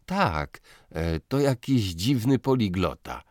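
A quarrelsome, shouting editor, put on by a male audiobook reader. His voice jumps high and swings wildly as he fumes in rapid bursts. The sound is close and dry, with no room around it. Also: very animated, no room sound. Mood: blustering, indignant. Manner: shouting, indignant, rapid outbursts. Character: blustering quarrelsome man, newspaper editor. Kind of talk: audiobook character voice.

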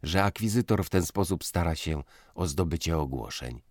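A man reading an audiobook, voicing a mild, polite man who speaks in a gentle, conciliatory way. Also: low voice, lively intonation, normal speed, no echo, studio quality. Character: mild, polite man placating an old schoolmate. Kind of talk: audiobook character voice.

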